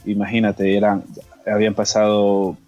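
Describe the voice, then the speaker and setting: A man with a Honduran accent and a somewhat low voice tells his life story as a guest on a radio program. He acts out each exchange and stumbles over repeated words as he goes. Soft music plays faintly behind him. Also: moderate pace, dull audio. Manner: animated storyteller who acts out the dialogue and often repeats words. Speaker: guest, singer and pastor. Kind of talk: telling a personal story in an interview. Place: radio studio.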